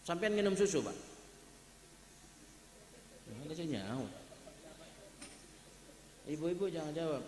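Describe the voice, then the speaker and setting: A man's voice: a little high, sing-song, slow pace, long pauses, a little mellow, a little hiss or hum. A man preaching a humorous sermon at a wedding gathering, chatting and joking directly with the crowd. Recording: echoey hall with long reverb.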